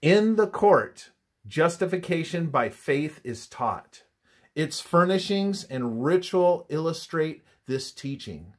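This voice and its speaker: The speaker is a man with a fairly high, animated voice reading a scripted religious study. He sounds measured and instructive, often letting his phrases trail off softly.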